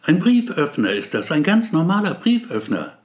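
A touchy, pedantic man in a storybook, nervous and defensive, forever correcting the people around him, as a male reader voices him. His pitch swings widely as he insists on his point. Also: sing-song, moderate pace. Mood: insistent.

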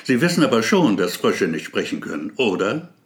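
A man voicing a skeptical male psychiatrist who questions his patient in a measured way. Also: lowish voice, big pitch swings. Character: skeptical male psychiatrist, calm then pleading.

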